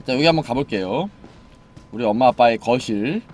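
Animated Korean-speaking male game streamer. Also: mid-range voice, fairly quick, slight background noise. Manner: joking, swings between mumbling and excited yelling. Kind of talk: live-streamed horror game commentary.

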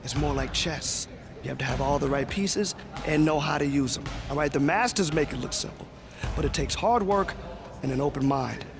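An actor playing a calm veteran male fight coach, speaking in a measured, encouraging way in a game cutscene. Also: fairly high pitch, vocal fry, noisy background. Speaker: video game character. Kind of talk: scripted game cutscene dialogue.

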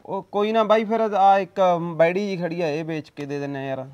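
A man's voice: high voice, steady tone, normal speed, darkish tone, no room sound, lightly acted. A man playing a stalling young farmer in debt. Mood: evasive. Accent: Punjabi. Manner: pleading, stalling with excuses. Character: young indebted farmer, evasive and pleading. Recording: dull dry lo-fi recording.

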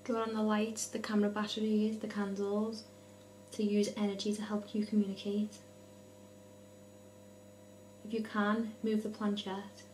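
A woman in her twenties leads a séance with solemn, spoken questions. Her intonation stays fairly flat at a middling pitch, and a faint hum runs under the recording. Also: unhurried, long pauses, reverberant, poor audio. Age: 20s. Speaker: leader of a spirit board session. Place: dim indoor room at night. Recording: low hum, faint noise.

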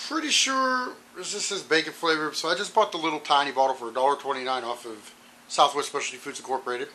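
Bright-voiced man rambling through a review. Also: medium pitch, slight background noise, low-quality recording. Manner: rambling, lots of ums and throat clearing. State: clogged sinuses. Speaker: hot sauce reviewer. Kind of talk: casual product review.

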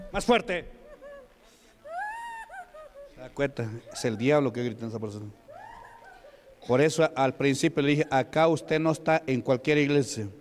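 A man from Peru preaching as a deacon, commanding and rebuking at a deliverance service in a church. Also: a little high. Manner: commanding, repetitive shouted rebukes. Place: church sanctuary. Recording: echoey church hall.

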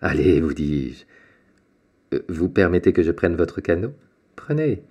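A man's voice: deep voice, very animated, unhurried, dark tone, dull audio, exaggerated voice. A man voicing a jovial, fatherly middle-aged shipowner in an audiobook, hearty and kindly. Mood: paternal. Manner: hearty, paternal.

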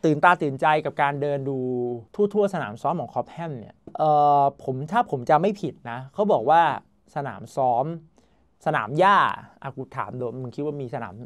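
Excitable young man telling a vlog story. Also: a little high, normal speed. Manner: excitable, swears casually among friends. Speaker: football vlogger.

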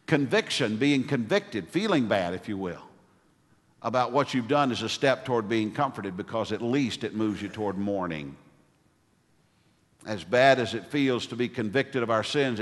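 A middle-aged pastor delivers an earnest sermon at a pulpit microphone. His voice sits at an ordinary male pitch and rings out with the long reverb of a church sanctuary. He moves easily into storytelling asides. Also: fairly bright tone.

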